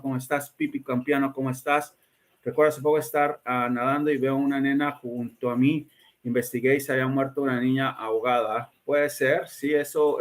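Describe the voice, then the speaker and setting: A man with a medium-pitched, fairly bright voice hosts a casual livestream giving predictions. He speaks emphatically, greets viewers by name, and often repeats words and restarts.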